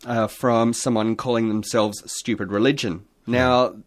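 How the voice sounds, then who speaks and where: A man's voice: mid-range voice, measured pace. A man, an online community moderator, chatting animatedly on a radio panel and telling stories from his work. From Australia. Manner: chatty, animated storyteller who reads posts aloud.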